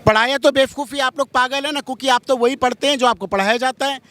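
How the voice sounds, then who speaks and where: A man with a very high voice speaks fast in a steady, slightly bright tone. Playing a religious figure in an impassioned street interview, he's strident and combative, firing off rhetorical questions.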